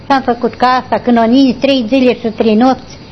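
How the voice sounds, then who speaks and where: An older woman, recalling her past in a rambling, halting way during an interview. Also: a little high, fairly even intonation, slight background noise. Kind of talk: oral history recollection. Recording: dull lo-fi recording.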